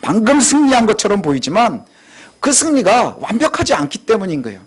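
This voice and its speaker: A man's voice: high-pitched, very animated, fairly quick, husky. A male pastor preaching a sermon, telling the story with rhetorical questions.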